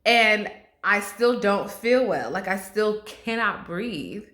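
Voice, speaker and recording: A young woman tells a personal story in a casual vlog, slow-paced and laughing often. Her voice is bright and forceful. The room is echoey. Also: medium pitch. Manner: animated, laughing often, acting out her own panic. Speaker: vlogger telling a story.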